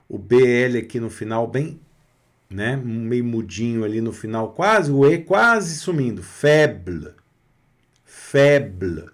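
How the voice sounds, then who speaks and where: Man, mid-pitched, unhurried language teacher drilling pronunciation. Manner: patient, repeats words slowly and asks for repetition. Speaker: French teacher. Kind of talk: pronunciation lesson.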